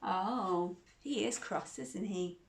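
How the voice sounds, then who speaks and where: A woman with a medium-pitched voice speaks slowly as she hosts a children's storytime, reading a bedtime story. She sounds exuberant and sing-song, addressing young listeners and often repeating phrases.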